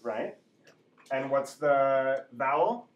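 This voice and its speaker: In a classroom, a male ESL teacher slowly drills phonics, repeating sounds and checking with "right?" His voice is medium-pitched and expressive, his delivery unhurried. The distant mic captures an echoey, noisy room.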